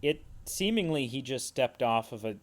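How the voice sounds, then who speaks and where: A man's voice: mid-range voice, animated, normal speed, background noise. A man co-hosting a movie podcast in casual chat, sharing trivia with lots of fillers. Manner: chatty, full of fillers and trivia asides. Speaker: podcast co-host.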